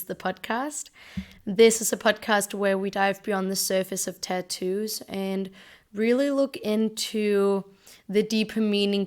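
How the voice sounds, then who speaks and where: A woman in her twenties from Denmark, hosting a podcast and talking in a gentle, reflective way. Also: medium pitch. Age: 20s. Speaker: podcast host. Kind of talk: casual solo podcast talk.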